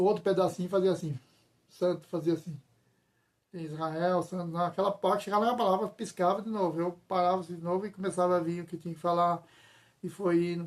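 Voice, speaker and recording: A church member gives his testimony as a story, retelling it emphatically with lots of repetition. His voice is high-pitched and a little mellow.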